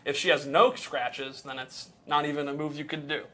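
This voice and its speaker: A man's voice: fairly high pitch, fairly even intonation, normal speed, fairly bright tone. A man casually explaining game mechanics, patiently walking through examples step by step.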